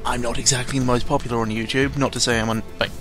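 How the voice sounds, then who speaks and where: Over background music, a young man talks off the cuff in an audio log, a YouTuber doing casual, unscripted news commentary. He speaks in a mid-pitched, slightly bright voice with a level tone, rambling and halting, full of self-interruptions, with a dry, sarcastic, self-deprecating and exasperated delivery.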